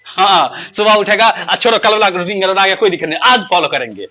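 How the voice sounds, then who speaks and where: A man teaches grammar to a class. His voice sits high and sounds sharp and forceful. He peppers his pupils with questions and slows right down to stress each English example sentence. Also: lively intonation. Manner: asks pupils constant rhetorical questions; says English example sentences slowly and emphatically.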